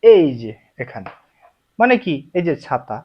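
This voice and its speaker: A man teaches Japanese script in a slow, step-by-step lesson, explaining each stroke and repeating the syllables aloud. His voice sits on the high side, sing-song, at a measured pace, in a dull lo-fi recording.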